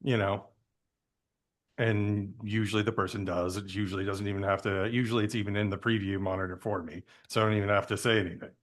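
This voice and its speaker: Low-voiced male podcast host, hesitant. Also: flat delivery, fast. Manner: hesitant, many fillers, easygoing. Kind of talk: casual interview.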